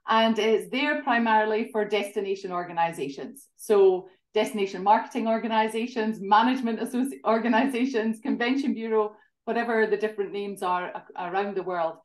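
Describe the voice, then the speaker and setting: A Scottish woman in her forties, director of a tourism association, speaks articulately as an interview guest on a laptop webcam video call from her home living room. Her voice is medium-pitched and fairly quick, and the room sounds echoey.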